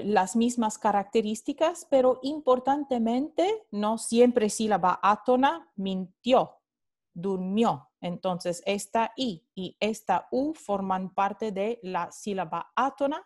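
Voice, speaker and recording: A woman giving a recorded linguistics lecture over slides, talking slowly and carefully and repeating example words. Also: a little high, darkish tone.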